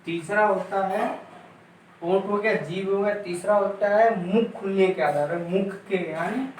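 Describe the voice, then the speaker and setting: A man's voice: high-pitched, steady tone, measured pace, recorded from a distance. A male teacher giving an exam-prep lecture, repeating points and drilling sounds aloud for his students. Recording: echoey room, voice from afar, faint noise.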